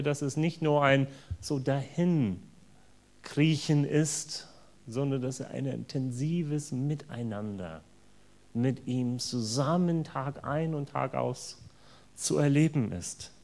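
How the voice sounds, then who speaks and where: A man preaching a sermon in an earnest, emphatic way, stressing words with sudden loud bursts. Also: medium pitch, slow pace.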